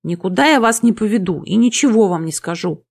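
Woman putting on a plump timid summoner, squeaky, frightened, whining, fantasy audiobook. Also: animated, a little fast, gravelly, slightly rough. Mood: stubborn. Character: timid plump middle-aged male summoner.

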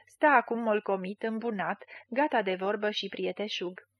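A woman's voice: medium pitch, no room sound, muffled recording. Woman reading a literary story. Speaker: audiobook reader.

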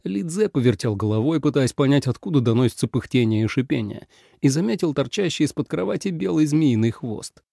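Mellow, lively male audiobook narrator. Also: medium pitch, brisk, vocal fry, slightly rough, dry recording, clean studio sound.

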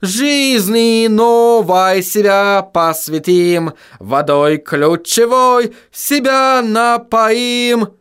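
A man voicing a trembling vampire who sings a slow, quavering hymn in a storybook reading. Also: high-pitched, fairly bright tone, clear, resonant tone, voice pushed up. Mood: quavering singing. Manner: quavering, slow sing-song.

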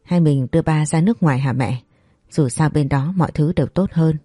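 The narrator voicing a calm, dutiful young son who speaks respectfully and reassuringly. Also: medium pitch, brisk, no echo, lightly acted. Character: patient, dutiful grown son.

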